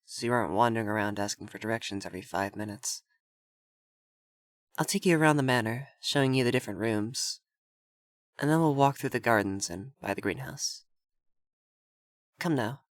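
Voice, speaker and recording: This ASMR roleplay features a man as a haughty, prim, effeminate vampire lord who gives the listener orders with tsundere fluster. His voice is medium in pitch, fairly bright and close to an everyday voice, recorded dry and intimately.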